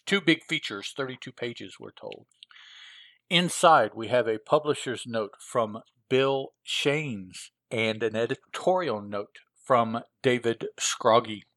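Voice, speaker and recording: A man's voice: mid-range voice, slow, fairly bright tone, dry recording. A man reviewing old comic books, retelling the plot in a rambling, casual way with lots of filler words. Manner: rambling, with frequent filler words and self-corrections.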